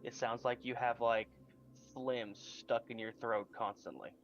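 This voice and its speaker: A man's voice: mid-range voice, fairly even intonation, measured pace. Blunt man player, dull lo-fi mic. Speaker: tabletop game player. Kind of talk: casual in-character game chat. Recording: dull lo-fi mic, music behind.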